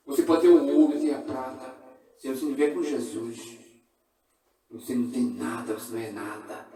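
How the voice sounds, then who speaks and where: A man preaching a sermon at a church service with a Brazilian Portuguese accent, swinging between hushed and loud. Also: medium pitch. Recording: echoey church from far off. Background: congregation responding.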